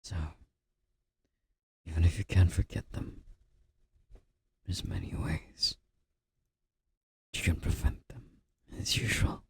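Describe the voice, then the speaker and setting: A man doing a whispered role-play as a comforting boyfriend, speaking in a soft, breathy, intimate murmur with a husky, gravelly edge, close to the microphone. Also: deep voice, level tone. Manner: slow, gently reassuring boyfriend-style comforting.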